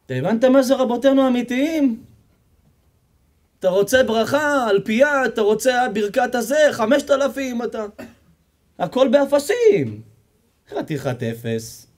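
A man's voice: very high-pitched, long pauses. A man, a rabbi, giving a sermon full of stories, acting out the characters and joking with the audience. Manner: animated storytelling, acts out characters, jokes and quizzes the audience. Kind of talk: sermon with storytelling.

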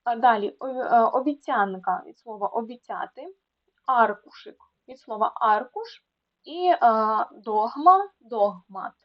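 A woman tutor explaining a lesson to students, repeating words slowly to contrast where the stress falls, with small fillers between them. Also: a little high, expressive. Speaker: Ukrainian language tutor. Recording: dull lo-fi sound.

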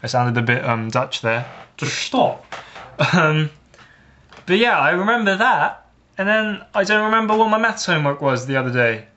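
A man's voice: on the high side, big pitch swings, normal speed, pushed and bright. A teenage boy vlogging a casual, sarcastic comic rant with jumpy swings of emphasis.

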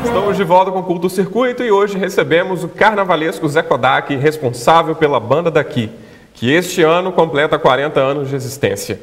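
A man, hosting a TV studio interview with smooth, scripted presenter phrasing. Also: a little high, a little fast, long reverb tail, a little hiss or hum. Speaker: TV show host. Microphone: lapel mic.

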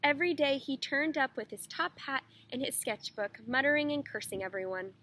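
A woman teacher reading a children's picture book aloud in a clear, expressive way. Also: high-pitched, moderate pace, a little hiss or hum.

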